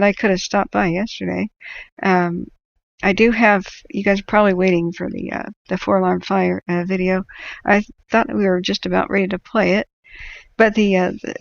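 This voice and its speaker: This wildfire-tracking stream host sounds worn out, her mid-range voice creaky, gravelly, and ragged in the throat. She talks to viewers in a loose, rambling way, constantly stumbling over fillers like um and uh. It's a dull, lo-fi home livestream recording.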